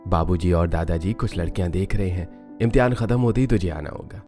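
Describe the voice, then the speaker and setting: A man voicing a stern older brother in a cartoon story, speaking low, calm and firm. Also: fairly quick, soft background music, natural voice. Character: older brother, stern keeper of family custom.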